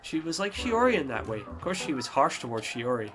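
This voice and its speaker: A man's voice: a little high, very animated, a little fast, music in the background. A man voicing a chatty teenage schoolgirl assistant in a let's play, reading lines in a gossipy, mock-cutesy way.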